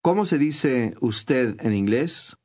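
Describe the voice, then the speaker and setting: A man reading scripted instructions for a language course, clear and measured. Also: medium pitch, expressive, a little mellow.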